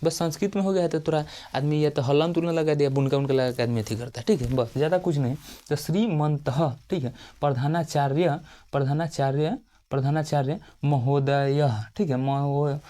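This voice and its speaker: A weary man with a Bihari accent talks students through a lesson, slow and hushed. His voice is dark and mellow, and he keeps pausing to check they are following. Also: a little high. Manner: speaks slowly and softly, keeps repeating "okay". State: tired late at night. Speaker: teacher. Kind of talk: tutorial lesson dictating a letter format.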